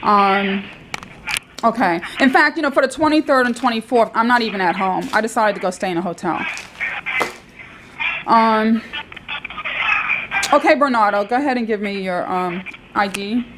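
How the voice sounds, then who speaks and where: A woman's voice: on the high side, moderate pace, long pauses, noisy background. A woman calling tech support, talking in a rambling, insistent way and repeating herself. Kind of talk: phone call recorded by caller.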